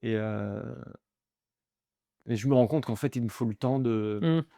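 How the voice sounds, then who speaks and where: A man's voice: mid-range voice, measured pace, warm tone, no echo, studio quality. A young man speaking as a guest in a casual interview, hesitant and full of restarts and repeated words. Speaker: guest, aspiring comedian.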